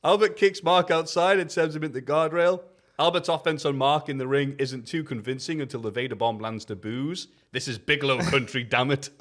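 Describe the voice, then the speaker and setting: A man's voice: medium pitch, steady tone, fairly quick, a bit bright. A man co-hosting a wrestling review podcast, reading his written recap in a jokey, casual way, swearing and laughing often.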